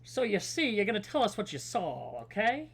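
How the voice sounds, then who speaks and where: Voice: medium pitch, huge pitch swings, normal speed, heavy background noise, pitched above the performer's own voice. A player voicing a pushy 1940s noir detective who questions suspects in a clipped, suspicious way. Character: nosy hard-boiled 1940s noir detective, pushy interrogator. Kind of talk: noir detective interrogation role-play.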